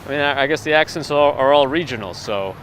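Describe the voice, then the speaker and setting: Walking down a winter city street, a New York man narrates a live-streamed tour into a gimbal-held phone, relaxed and talking with his viewers. He speaks fast in a middle male pitch, and the rough recording carries plenty of traffic and street noise behind him.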